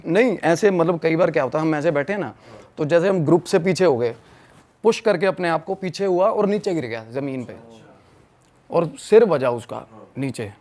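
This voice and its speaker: Young punjabi guy telling a spooky story, really animated, acting out what his friends said. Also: fairly high pitch, normal speed. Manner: animated storyteller, acts out friends' lines, mixes English words. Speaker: guest telling a haunted experience. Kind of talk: casual storytelling in a podcast interview.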